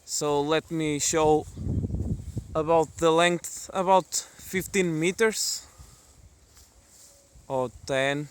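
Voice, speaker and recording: A non-native English-speaking man presents a casual hobby demonstration outdoors. His voice sits a little high, and he talks slowly with a hesitant, halting delivery. There is faint noise from the open countryside behind him. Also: steady tone. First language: not English. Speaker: amateur radio hobbyist presenting a video. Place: outdoors in the countryside among trees.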